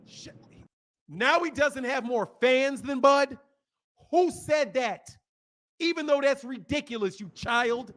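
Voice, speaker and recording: Slow but lively in intonation, a very high, slightly bright male voice belongs to a man in his fifties who runs a boxing channel. He's in a heated live argument, insulting and scolding a caller and saying the same things over and over.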